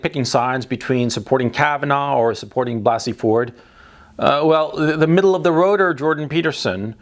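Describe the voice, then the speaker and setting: A man who grew up in Chile and the United States, giving a blunt, emphatic opinion monologue, often restarting and tagging his points with "right?". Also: fairly high pitch. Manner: emphatic, blunt, repeats for stress; speech full of restarts and tag questions. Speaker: political commentator.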